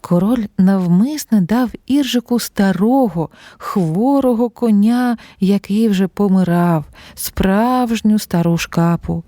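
Woman narrator for a children's fairy tale, calm, mellow voice, dry studio sound. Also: medium pitch, slow, hardly any pauses, no echo.

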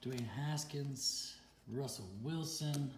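A man's voice: medium pitch, slow pace, a little mellow. Chatty man opening card packs. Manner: chatty, laughs often, reads out card names. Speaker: card-opening channel host. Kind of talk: casual card unboxing chat. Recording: roomy echo with faint noise.

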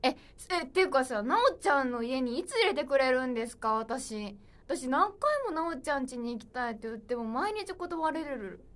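A woman's voice: high voice, sing-song, normal speed, a bit bright. A young woman in her twenties hosting a solo livestream, chatting playfully and reading viewer comments aloud. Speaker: idol livestream host. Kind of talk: casual livestream chat.

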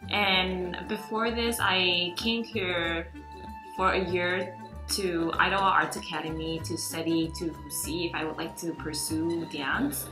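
A young woman talks in a chatty, filler-heavy way, her voice sitting slightly low. The sound is roomy and echoey, with music playing underneath. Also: flat delivery, unhurried. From Malaysia. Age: young adult. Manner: chatty, uses many fillers. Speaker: dance student. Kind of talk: casual documentary talk.

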